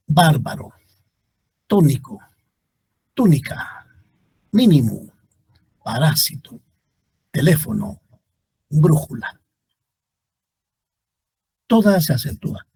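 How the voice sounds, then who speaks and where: A male teacher giving a classroom grammar lecture, reading out example words slowly and deliberately and speaking directly to his students. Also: fairly high pitch, a little mellow, breathy edge, no echo.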